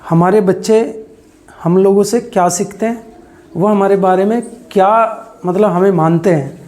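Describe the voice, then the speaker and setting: A man, a teacher, giving an earnest, halting speech at a small celebration, with many fillers. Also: high voice, darkish tone.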